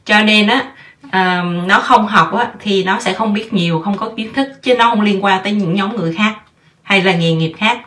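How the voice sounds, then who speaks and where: Woman, 30s, podcast host, casual and chatty, mid pitch, somewhat distant mic. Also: normal speed, fairly bright tone. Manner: chatty, mixes in English words. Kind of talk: casual advice talk.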